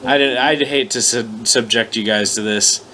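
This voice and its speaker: With a little hiss or hum on a rough recording, a man reads his own fan fiction informally, adding casual profane commentary. His medium-pitched voice is steady, unhurried, pushed, and bright, and he's self-deprecating, stumbling over his lines as he swears.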